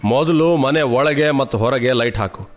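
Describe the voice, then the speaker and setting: A man's voice: medium pitch, normal speed, faint music behind, natural voice. A man playing a stern police officer ordering a suspect to surrender. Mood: commanding. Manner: commanding, firm.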